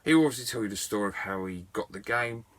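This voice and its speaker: Talking fast in a lowish voice, a middle-aged game-collecting vlogger tells a story to the camera. His manner is chatty, enthusiastic and self-mocking.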